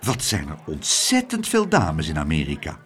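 A man's voice: extremely low pitch, wildly swooping pitch, normal speed, fairly bright tone, pitched below the performer's own voice, heavily acted. A man reading an audiobook aloud, voicing a shy, bewildered, homesick boy who speaks earnestly and plaintively. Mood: dismayed.

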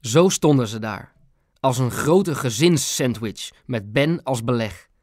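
A man narrating a children's book in a calm, clear storytelling manner. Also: mid-range voice, unhurried, no room sound, clean studio sound. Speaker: audiobook narrator.

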